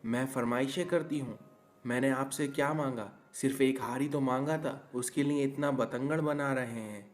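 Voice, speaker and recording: A man voicing a quick-tempered young newlywed wife in a cartoon story, indignant and complaining. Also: medium pitch, fairly even intonation, lightly acted. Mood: angry.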